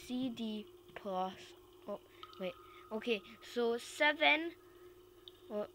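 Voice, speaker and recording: A woman with a high, bright voice plays a horror game as a scared streamer. She chats casually to viewers and breaks into jumpy exclamations. The home recording is clearly noisy. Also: expressive, slow pace. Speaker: host of an amateur gaming video. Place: indoors, filming a screen with a handheld camera.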